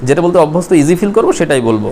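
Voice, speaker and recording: A teacher leads a vocabulary class, spelling words letter by letter and tossing questions to the students. The voice sits at an ordinary middle pitch. A faint hum of the classroom stays underneath. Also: very animated, very fast, mellow.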